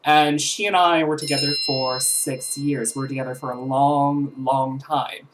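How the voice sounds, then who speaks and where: A woman's voice: very deep voice, steady tone, measured pace, slight background noise, low-quality recording. A woman in her twenties chatting casually to camera as a vlogger, rambling with fillers and self-corrections. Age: 20s.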